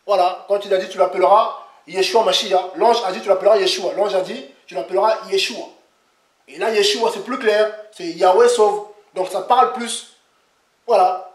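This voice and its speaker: High-voiced man preaching in an echoey room. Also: normal speed. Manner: rambling, repeats himself, animated asides. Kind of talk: informal sermon.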